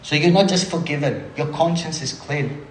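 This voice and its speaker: A man delivers a sermon in a fairly high voice, lively and talkative, pausing for quick asides. His voice rings through a roomy hall, with a faint hum of ambience behind it. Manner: animated, conversational preaching with asides. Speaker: preacher.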